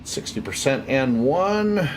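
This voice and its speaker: A man on a headset mic speaks in clipped pilot phraseology, reading back clearances and calling out the takeoff roll. His delivery moves up and down a lot. A steady background hum sits under his voice. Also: medium pitch, takes it slowly. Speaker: flight sim streamer flying as airline pilot. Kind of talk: pilot radio calls and takeoff callouts.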